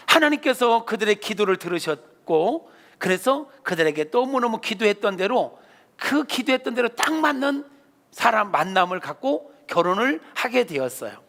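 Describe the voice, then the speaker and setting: Bright-voiced, high-pitched male preacher. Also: normal speed, creaky. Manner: animated storyteller, acts out voices. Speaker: senior pastor. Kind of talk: sermon.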